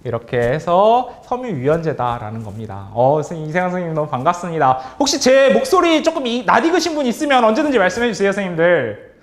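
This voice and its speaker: A man leading a workshop for teachers as a trainer, upbeat and animated, calling on the audience, praising their answers and chuckling often. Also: high voice, fast talker. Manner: chuckles often between remarks. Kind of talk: online workshop quiz for teachers.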